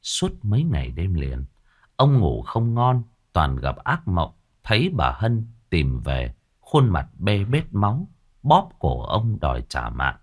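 A man narrating a ghost story in a dramatic, expressive way. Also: sits low, takes it slowly, slightly rough.

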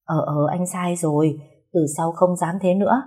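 A woman reading the lines of a young man just woken from a coma, in a quiet, trembling murmur. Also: on the low side, fairly even intonation, normal speed, slightly rough. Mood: tender.

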